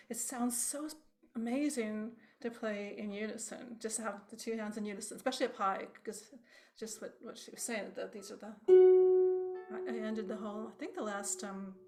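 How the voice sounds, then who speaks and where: A woman teaching a harp workshop over a video call, chatty and conversational, quizzing her class with little tag questions as she goes. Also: mid-range voice. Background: harp playing.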